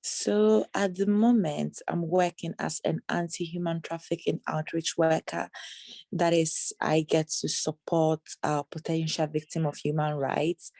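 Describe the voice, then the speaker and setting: A woman from Ghana who works in anti-trafficking outreach, answering interview questions in a measured, hesitant way with many fillers, on a video call. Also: sits low, steady tone, gravelly, dark tone, dry recording.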